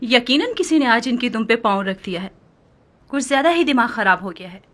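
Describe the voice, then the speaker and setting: A woman's voice: on the high side, expressive, a little fast, a bit bright. An actress dubbing a proud noble wife and mother in a historical drama, reproachful toward her husband. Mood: soothing. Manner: reproachful and pleading.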